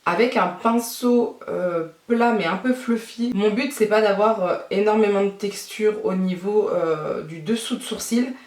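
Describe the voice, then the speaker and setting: A young woman talks through her makeup step by step in a relaxed, chatty way, pausing often with little fillers as she thinks aloud. Her voice sits in a middle pitch. The sound has a noticeable room echo, as if recorded at home. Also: distant mic. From France. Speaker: beauty vlogger. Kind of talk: casual makeup tutorial talk. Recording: echoey room.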